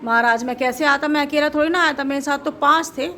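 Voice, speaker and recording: Woman playing a crafty, flattering little rabbit for a children's story. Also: high voice, fast talker, slight background noise. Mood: sly flattering. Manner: sly and flattering. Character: small, clever, flattering male rabbit.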